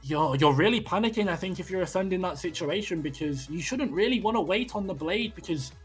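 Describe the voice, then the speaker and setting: A man casting a live esports match. He gets excitable, swears freely and sounds out of breath after a close finish. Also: sits high, a little fast, breathy edge, faint music behind. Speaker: esports caster.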